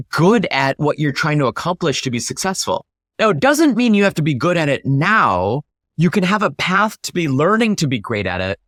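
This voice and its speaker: Clean, dry studio sound carries a man's slightly high, fairly bright voice. He's a startup founder being interviewed, talking through his ideas with conversational emphasis and the occasional rhetorical question.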